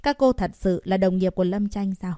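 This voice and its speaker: A woman voicing a wary, hunched old grandmother who speaks slowly and guardedly. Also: medium pitch, mellow, no echo, studio quality, lightly acted. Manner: guarded, slow, repetitive.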